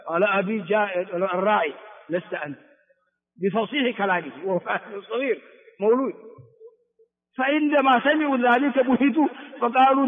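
Male lecturer, high voice, repeats words for students, phone-thin sound with hall echo. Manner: repeats words for students, asks rhetorical questions. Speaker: Islamic scholar teaching a hadith text. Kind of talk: classroom lecture on hadith and grammar. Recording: tinny phone-like echoey hall recording.

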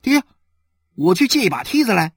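A man voicing a stubborn yet devoted young boy who calls out loudly and quickly, well above his own pitch. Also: sing-song, husky, dry recording, studio quality, exaggerated voice. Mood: eager.

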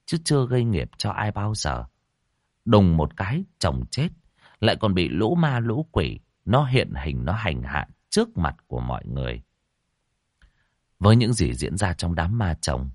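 A man narrating a ghost story in an expressive, dramatic storytelling manner. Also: sits low, no echo. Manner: expressive, rising and falling storytelling. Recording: dry close mic with faint music.

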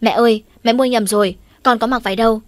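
A woman's voice: on the high side, fairly even intonation, fast talker, no room sound, close to an everyday voice. A playful young man of twenty who clings to his mother and pesters her, played by a woman reading an audiobook. He whines, pleads and teases. The sound is dry and close to the mic. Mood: indignant. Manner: whiny, pleading, teasing.

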